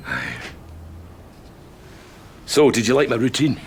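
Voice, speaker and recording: An actor with a Scottish accent playing a prisoner who holds a hostage, sing-song and mocking, swinging from jovial to threatening. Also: male voice, medium pitch, huge pitch swings, slow, gravelly, slight background noise, exaggerated voice. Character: charming, menacing male prisoner holding a hostage. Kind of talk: television sitcom acting.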